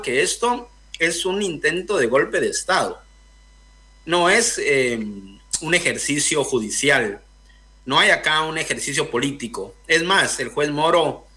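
A young man from Guatemala joins a radio interview over a video call. His voice is bright and fairly high, and he works through his points slowly, stopping often to search for words. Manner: thoughtful, hesitant with many fillers. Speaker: guest filmmaker. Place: indoor room, video call.

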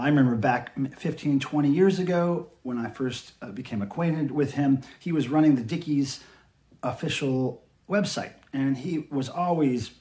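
A middle-aged man from the United States with a medium-pitched, dark voice talks in a folksy, informal manner, like an unboxing vlog at home. He's a vlogger, record collector, and fan site manager, speaking from a small indoor room in his house.

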